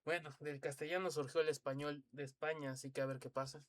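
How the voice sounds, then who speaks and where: A man's voice: on the high side, little pitch movement, fairly bright tone. A man reading an encyclopedia lesson aloud, stumbling and restarting words, with dry asides. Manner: halting, stumbles and restarts words, spells out letters, drops asides. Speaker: reader of an encyclopedia.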